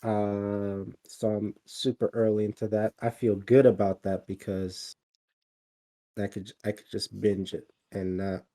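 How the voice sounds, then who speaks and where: Speaking in a mellow, lowish voice with little pitch movement, this podcast co-host takes his time. He chats casually and rambles, full of fillers and restarts.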